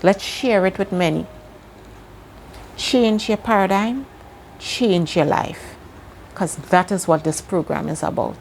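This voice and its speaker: Speaking low, slow and gravelly, this Trinidadian woman teaches a self-help lesson as a video host, her voice a little mellow and broken by frequent pauses. She's earnest, repeating important words to drive them home in a motivational monologue, with a little hiss or hum in the recording.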